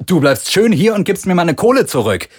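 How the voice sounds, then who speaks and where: A man voicing a nervous young male smuggler who pleads urgently and loudly. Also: mid-range voice, very animated, normal speed, husky, voice pushed up. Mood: desperate, pleading.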